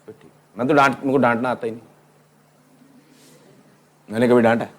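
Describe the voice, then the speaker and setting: Lively male law teacher lecturing a class. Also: medium pitch, a little fast. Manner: lively, teasing, addresses students as beta.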